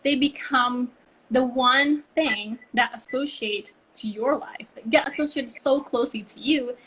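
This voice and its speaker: Speaking at a measured pace, a woman with a high, somewhat bright voice chats as a guest in a casual interview over a video call. She's from Bali, Indonesia, co-founded a brand consultancy, and tells her stories with frequent "like" and "um." The recording is rough, with a little hiss or hum.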